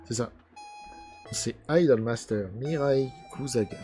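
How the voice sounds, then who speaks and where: A man's voice: mid-range voice, slow pace, dark tone, soft background music. A man hosting a card unboxing in casual commentary, chatty and grumbling with a mock-angry edge.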